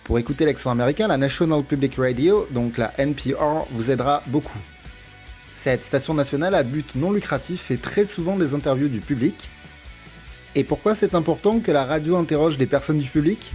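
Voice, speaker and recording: A man's voice: a little high, a little fast, darkish tone. Man explaining over light music. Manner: clear, methodical list-reading delivery. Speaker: English test prep teacher. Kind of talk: scripted explainer narration.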